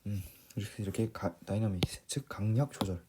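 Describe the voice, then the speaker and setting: A man's voice: on the low side, brisk, background noise. A man teaching English reading in a casual lecture, talking plainly to his students, often rephrasing and checking in with them.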